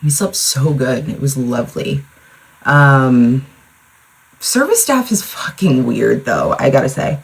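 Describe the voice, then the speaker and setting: Chatty young mom, husky voice. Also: female voice, extremely low pitch, lively intonation, takes it slowly, poor audio. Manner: chatty, rambling, lots of "like", with swearing. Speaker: podcast host. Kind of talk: casual solo podcast chat. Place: at home, in front of a mirror.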